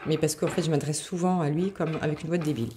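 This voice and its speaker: A woman's voice: low-pitched, steady tone, fast talker, background noise. A woman chatting casually as she shows off her craft purchases, hesitant and full of fillers, gushing over cute items. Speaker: craft vlogger. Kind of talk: casual show-and-tell haul.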